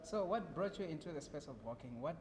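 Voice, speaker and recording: A man from South Africa hosting a podcast, asking questions in a friendly, quick-fire way. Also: a little high, animated, background noise. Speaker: podcast host. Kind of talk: casual interview chat. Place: podcast studio.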